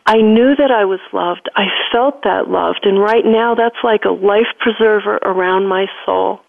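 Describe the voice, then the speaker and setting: A woman guest slowly recounting a spiritual experience, telling her story with deliberate, repeated phrases. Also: medium pitch, creaky, no room sound. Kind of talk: emotional spiritual testimony. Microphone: telephone. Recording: dry phone-line audio.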